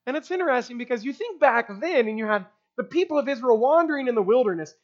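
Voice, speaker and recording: A preacher talks through a sermon in a relaxed, conversational way, with lively swings in pitch. Scripture passages are read aloud between casual asides. The recording sounds dull and lo-fi, as if the highs were cut. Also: fast talker. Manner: animated, informal asides. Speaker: pastor.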